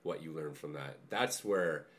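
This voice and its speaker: Very deep-voiced calm male podcast host. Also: measured pace. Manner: calm, supportive, asks open questions. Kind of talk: casual interview chat.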